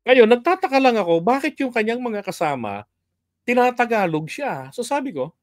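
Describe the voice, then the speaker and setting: A man's voice: extremely high pitch, very animated, normal speed, no room sound, clean studio sound. A man from the Philippines hosting a political commentary livestream, telling stories in a chatty way and laughing often.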